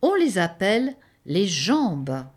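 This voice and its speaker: A woman voicing a fussy female chimpanzee schoolteacher who lectures slowly and articulates every word carefully. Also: mid-range voice, very animated, husky, exaggerated voice. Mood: didactic.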